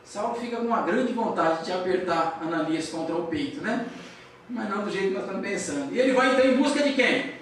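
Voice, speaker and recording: A man's voice: sits high, fast talker. A man giving a storytelling lecture to an audience, acting out dialogue and asking the audience questions. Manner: animated, acts out dialogue, asks the audience questions. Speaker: speaker at a Spiritist public lecture. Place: large hall with audience. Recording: distant mic, very echoey hall, faint hiss.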